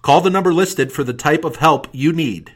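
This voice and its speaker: A man's voice: on the high side, moderate pace, slightly rough. A man reading a formal document aloud in a dictating manner, voicing punctuation marks and spelling out letters. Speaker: reader of a government document for audio. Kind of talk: scripted document read-aloud.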